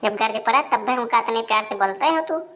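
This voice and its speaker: Woman as a sarcastic moneylender man, fairly high voice, comedy sketch. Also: expressive, fairly quick, fairly bright tone, faint music behind. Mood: gruff. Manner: gruff, bargaining, sarcastic. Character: brusque male village moneylender, impatient.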